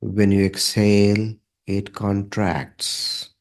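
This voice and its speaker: In a lowish voice, a man leads a guided meditation, speaking short phrases calmly and deliberately with long silences in between.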